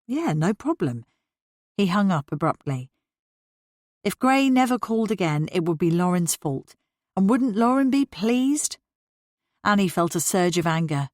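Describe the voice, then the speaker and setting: A woman narrating a novel as an audiobook in a steady, clear storytelling manner. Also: mid-range voice, moderate pace, dry recording, clean studio sound.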